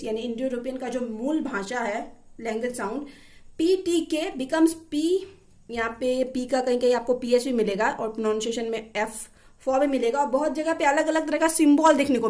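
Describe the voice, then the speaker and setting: A woman teaching a linguistics lesson, reading English lines slowly and then explaining each one. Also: sits high, a little mellow.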